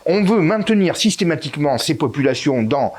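The Italian interviewee in this political conversation has a fairly high, slightly mellow voice that swings widely in pitch and runs a little fast. He hesitates, restarts, and uses many fillers, pressing hard on key words as his pitch rises for emphasis.

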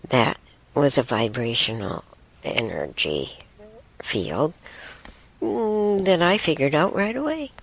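A woman hosting a talk show, telling a spiritual story in a rambling way, with soft whispered asides. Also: extremely low pitch, slightly rough. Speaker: show host.

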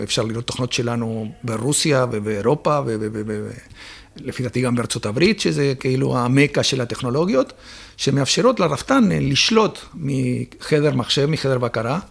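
A man talks about dairy farming in an interview, explaining things one step at a time and pausing often to find his words. His voice is gravelly and a little husky, and it sits fairly high for a man. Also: a bit bright. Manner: explains step by step with many filler pauses.

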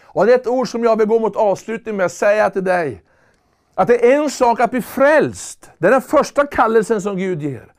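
A man with a notably high voice preaches a sermon. He speaks earnestly and with emphasis, often building up to loud, ringing calls. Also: expressive.

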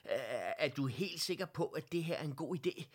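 A man voicing a skeptical, easily alarmed male teddy bear who repeats himself when excited. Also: a little high, slightly rough, pitched above the performer's own voice.

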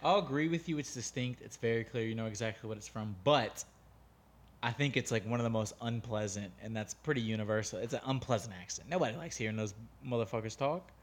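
A man's voice: medium pitch, quick pace. Blunt, swearing American man podcaster. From United States. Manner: opinionated, blunt, swears freely. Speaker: podcast co-host. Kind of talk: casual podcast banter.

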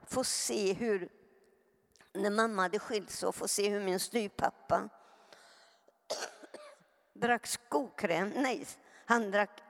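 A woman giving an earnest personal testimony to a live audience, often turning to them with direct questions. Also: mid-range voice. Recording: long hall reverb.

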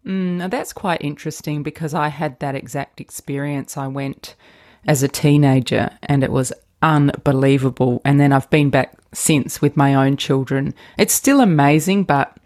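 A middle-aged woman with a low voice hosts a podcast interview. She asks light questions in a chatty, friendly way and fills the gaps with short agreeing sounds. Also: normal speed, darkish tone. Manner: friendly, brief acknowledgements, chatty. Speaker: podcast host.

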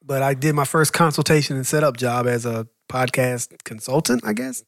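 A man's voice: mid-range voice, lively intonation, gravelly, fairly bright tone, no room sound, studio quality. A man co-hosting a casual podcast, easygoing and teasing. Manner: easygoing, teasing, quick to laugh. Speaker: podcast co-host.

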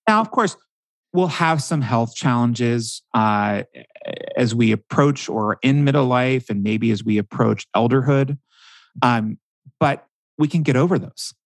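A man speaking as a guest expert in a podcast interview, telling stories in an animated way and dropping frequent ums. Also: mid-range voice, unhurried, dry recording.

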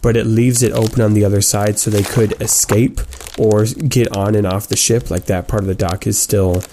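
A man narrating a tabletop game as game master, describing scenes in halting, improvised detail. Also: lowish voice, steady tone, dark tone, a little hiss or hum.

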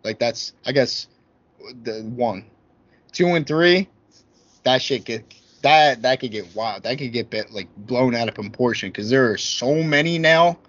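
A man's voice: mid-range voice, animated, unhurried, a bit bright. Slangy frat-bro man, dull audio. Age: 30s. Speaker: podcast guest. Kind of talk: casual chat about video games.

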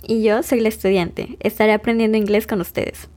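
A woman co-hosting an English-lesson podcast as the student, answering in short, bright replies. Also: mid-range voice, flat delivery, a little fast. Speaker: student co-host.

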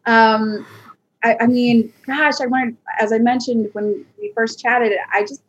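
A woman hosting a podcast interview, asking questions in a gentle, hesitant way with frequent filler words. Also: on the high side, fairly even intonation, measured pace, breathy edge. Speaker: podcast host. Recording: dull lo-fi recording.

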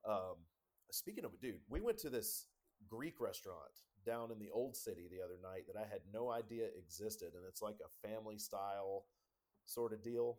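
Animated man telling relaxed anecdotes. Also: lowish voice. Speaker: podcast guest. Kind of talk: casual podcast conversation.

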